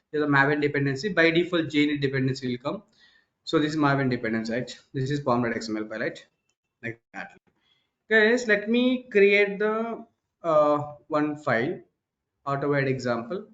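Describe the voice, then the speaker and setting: A man's voice: on the high side, a bit bright. A man with an Indian English accent teaching a programming class live online, repeating key terms and quizzing his students. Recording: dull, echoey online class call audio.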